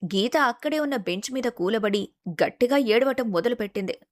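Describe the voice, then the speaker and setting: A woman narrating a scripted family drama in a steady storytelling manner. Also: fairly high pitch, moderate pace.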